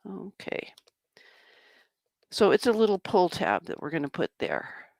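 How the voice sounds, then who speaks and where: A woman's voice: lowish voice, wildly swooping pitch, measured pace, creaky, darkish tone, no room sound. A woman casually demonstrating a journal-making craft project, chatting to herself as she works. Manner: chatty, talks to herself while working. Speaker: craft vlogger.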